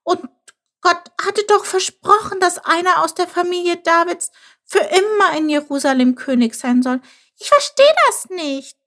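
Chilp, a squeaky little bird, voiced by a woman. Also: very animated, moderate pace, a bit bright. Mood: distraught. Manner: anxious, earnest, stammering when upset. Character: small eager young male bird.

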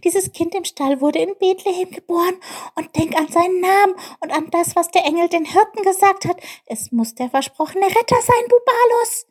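Woman voicing a high, squeaky, impatient little male critter for a storybook, lively pitch. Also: normal speed. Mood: excited. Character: small eager curious young male creature.

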